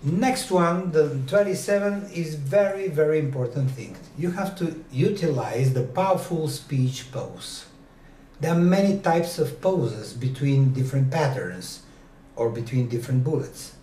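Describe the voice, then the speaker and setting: Slow, deliberate male lecturer in a roomy classroom. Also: fairly high pitch, expressive, warm tone, distant mic, slight background noise. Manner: slow and deliberate, with many pauses and fillers. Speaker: university lecturer. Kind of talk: classroom lecture on public speaking. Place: university classroom.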